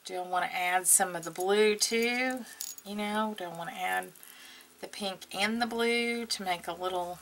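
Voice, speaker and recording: A woman hosting a casual craft tutorial with a gravelly voice and a slightly sore throat, murmuring unhurriedly as she works. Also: medium pitch, normal speed, a bit bright, slight background noise. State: slightly sore throat, clearing it now and then. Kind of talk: casual hands-on craft tutorial, talking while working.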